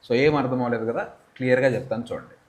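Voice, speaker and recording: A man with a Telugu accent gives an English grammar lesson in a mid-range voice. He poses questions to himself and answers them. He reads example sentences slowly and deliberately. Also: mid-range voice, lively intonation. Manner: explains step by step, often asks and answers his own questions. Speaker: English teacher.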